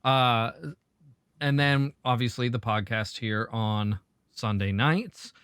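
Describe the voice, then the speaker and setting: A man's voice: mid-range voice, takes it slowly, a bit bright, clear, resonant tone, dry recording, studio quality. A man hosting a casual gaming podcast, rambling through his sign-off with filler hums. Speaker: podcast host. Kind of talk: casual chat.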